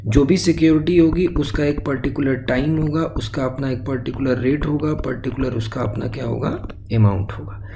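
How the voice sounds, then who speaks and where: A man's voice: medium pitch, fairly even intonation, fairly quick, vocal fry, few pauses, background noise. A male exam-prep teacher giving an explanatory lecture, walking through each step and asking then answering his own questions, with English terms mixed into his talk. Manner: mixes English terms into Hindi.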